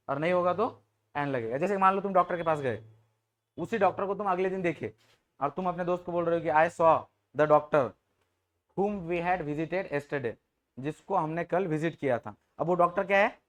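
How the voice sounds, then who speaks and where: A man teaching an English grammar class in Hindi, joking with students and often checking if they understood. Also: high-pitched. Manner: jokes with the class, informal and teasing.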